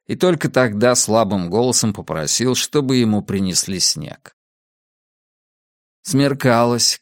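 A man narrates a fantasy novel in a steady, even storytelling voice of middle pitch. The recording is close and dry, with no room sound. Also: smooth, dry recording. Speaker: audiobook narrator. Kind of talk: scripted narration.

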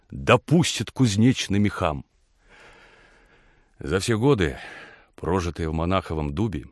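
A man reads a story aloud in a measured, expressive way. His voice sits very low. The recording is dry and close, with no room sound. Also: no room sound. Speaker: audiobook narrator. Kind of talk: scripted narration.

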